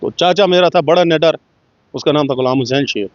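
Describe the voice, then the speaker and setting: A man's voice: fairly high pitch, brisk, no echo. A middle-aged man from Jammu and Kashmir, giving an interview and telling his own story in earnest, acting out the dialogue with small shifts in his voice. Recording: muffled, dull dry recording.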